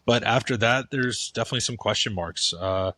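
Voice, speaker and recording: A man's voice: fairly low pitch, a little fast, bright, forceful tone, dry recording. A man co-hosting a podcast, giving casual fantasy football takes, often restarting with "I think". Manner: thoughtful, repeats "I think" and restarts. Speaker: podcast co-host.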